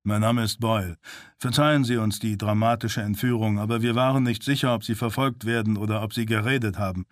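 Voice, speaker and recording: A man's voice: on the low side, fairly even intonation, fairly quick, no room sound, studio quality, close to an everyday voice. A man voicing a stern, commanding male officer who speaks curtly and with authority. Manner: curt, authoritative.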